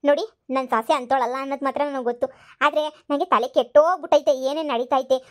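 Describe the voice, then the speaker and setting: A woman's voice: sits high, rapid-fire, close to an everyday voice. A woman voicing a stubborn older village mother-in-law who scolds and repeats herself. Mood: confused. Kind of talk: cartoon voice acting.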